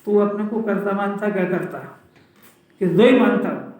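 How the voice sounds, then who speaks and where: A man's voice: high-pitched, normal speed, a little mellow. A man giving a scripture discourse, teaching conversationally and firing rhetorical questions at his listeners. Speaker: Jain scholar giving a discourse. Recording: echoey hall, speaker far from mic.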